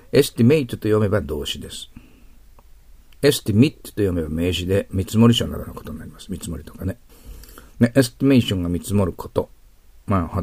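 A man's voice: sits low, a little mellow, breathy edge, no echo. A man teaching English exam questions in a patient lecture, often checking in with his listeners. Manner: patient explaining, frequent tag questions.

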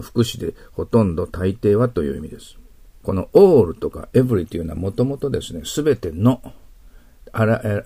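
A man's voice: on the low side, mellow, slightly rough, dry recording. A man teaching English exam questions in a patient lecture, often checking in with his listeners. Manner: patient explaining, frequent tag questions.

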